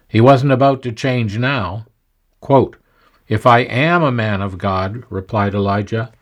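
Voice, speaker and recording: Slow, deliberate male Bible teacher. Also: medium pitch. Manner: deliberate, emphatic scripture reading. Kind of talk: scripted devotional Bible teaching.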